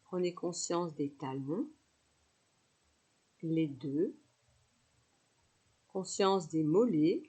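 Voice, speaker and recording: Guiding a yoga nidra relaxation meditation, this woman speaks in a low, expressive voice that is dark in tone with a breathy edge. Her instructions are calm and unhurried, separated by pauses.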